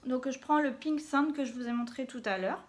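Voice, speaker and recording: Her voice sits high and her pace is brisk as this beauty vlogger records on a phone camera. She chats casually about her makeup routine, slipping in small interjections while she works.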